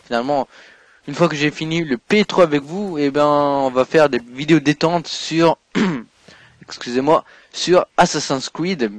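Playing a game on his YouTube channel, this man provides excitable let's play commentary, lurching between muttered asides and loud outbursts. His mid-range voice comes through on a dry recording.

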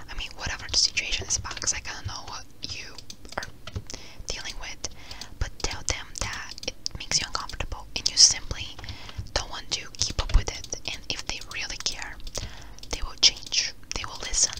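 A video host speaking in a breathy close-up whisper, rambling reassuringly in a casual ASMR gaming chat, with keyboard typing behind. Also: low-quality recording. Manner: rambling, reassuring advice-giving. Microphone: close-up microphone.

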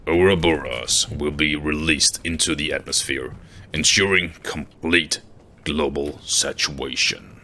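A man voicing a menacing male villain in a slow, grave, theatrical delivery, as in a video game. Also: rumbling low, sharp tone, a little hiss or hum, voice pushed down, full character voice. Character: menacing deep male villain announcing doom.

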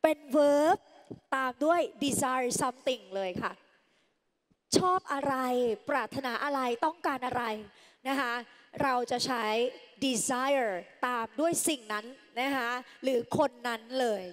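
A woman English tutor giving a lively lecture in a large hall, coaxing students with frequent polite particles. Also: high-pitched, slow pace. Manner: coaxing, calls students "children", ends phrases with polite particles. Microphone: handheld mic.

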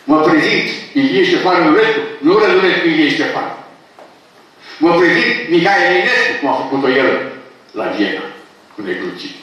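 A man's voice: a little high, big pitch swings, a bit bright. An older man giving a lecture at a book launch. He corrects word usage in a pedantic way and bursts out with emphatic objections. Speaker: professor presenting his books. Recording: very echoey hall, speaker far from mic.

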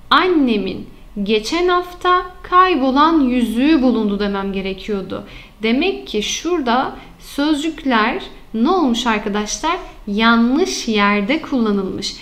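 A woman teacher with a high voice walks her students through example sentences in an online lesson. She poses questions to the class and answers them herself, drawing out the key terms slowly so they stick. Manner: slows and stresses key terms.

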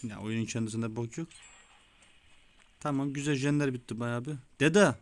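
A young man giving casual, excitable gameplay commentary, swearing often and talking like a buddy, his voice a bit rough. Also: mid-range voice, moderate pace, dry recording. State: sweaty, voice gone a bit rough. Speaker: gaming YouTuber. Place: small room with window closed.

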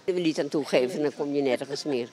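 A woman's voice: sits low, quick pace, mellow. An elderly woman, answering bluntly and colloquially in a street interview. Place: covered shopping arcade. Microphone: handheld reporter microphone.

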